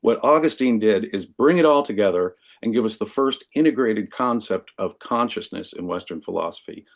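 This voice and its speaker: Low-voiced man lecturing on philosophy. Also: expressive, normal speed. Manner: lecturing, wry asides to listeners. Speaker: guest. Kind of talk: explaining philosophy history in podcast conversation.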